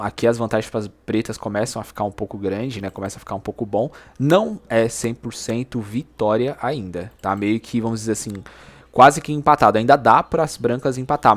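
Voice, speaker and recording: Slangy man breaking down a chess game. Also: medium pitch. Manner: slangy, animated, exclaims over moves. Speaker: chess YouTuber. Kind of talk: game analysis commentary.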